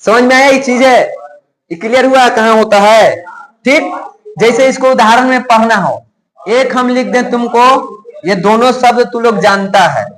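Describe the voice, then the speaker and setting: A male teacher giving a grammar lesson to a class, drilling sounds slowly and often asking the students if they have understood. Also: extremely high pitch, a bit bright, low-quality recording. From India. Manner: asks students frequent check questions.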